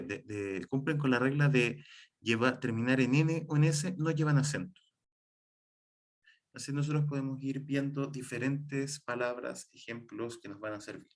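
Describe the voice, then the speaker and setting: A man teaching a class, explaining each rule slowly with example words and frequent fillers. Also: mid-range voice. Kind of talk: classroom lecture on writing and spelling.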